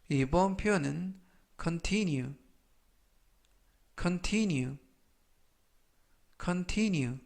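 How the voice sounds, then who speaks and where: A man teaching English vocabulary, saying each word slowly several times and then explaining its meaning and usage. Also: fairly high pitch. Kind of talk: vocabulary lesson with spelled-out pronunciation drills.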